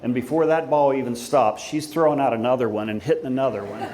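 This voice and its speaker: A middle-aged man giving an informal father of the bride speech at a wedding reception, conversational and anecdotal, pausing for the guests. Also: mid-range voice, fairly even intonation. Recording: echoey room, loud crowd and background noise. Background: crowd of guests, room noise.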